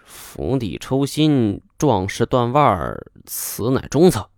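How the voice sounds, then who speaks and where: A sly, smug middle-aged schemer, as a man voices him in an audiobook, wheedling and teasing and drawing out his sayings. The voice sits a little higher than the reader's own, with a lively, swooping lilt. The sound is dry and close. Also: slow, no room sound, exaggerated voice. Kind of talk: audiobook character voice.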